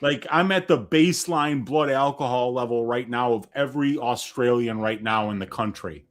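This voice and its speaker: A man with a mid-range voice, speaking at a normal speed, co-hosts a live fight watch-along stream. He's a little tipsy and jokes around in casual banter.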